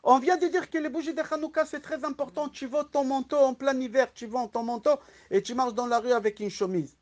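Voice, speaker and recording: A rabbi teaching a class, his voice sitting high for a man and carrying a slight lisp. He tells his lesson as lively stories, throws rhetorical questions at the room and slips into the voices of the people he quotes. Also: a little fast.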